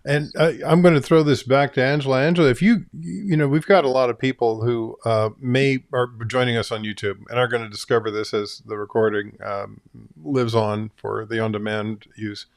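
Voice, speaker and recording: A man's voice: medium pitch, fairly even intonation, moderate pace, creaky, dry recording. Guy hosting a live stream, chatty, tosses questions to guests, plain mid voice, dry sound. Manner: conversational, hands off questions to guests. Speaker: host.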